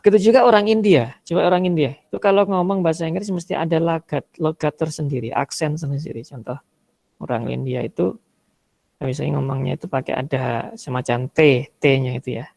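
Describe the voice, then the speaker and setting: A man's voice: a little high, brisk, creaky, a little mellow, no echo. A man from Indonesia teaching an online Arabic rhetoric lesson in a conversational way, explaining with spoken examples. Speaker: religious teacher.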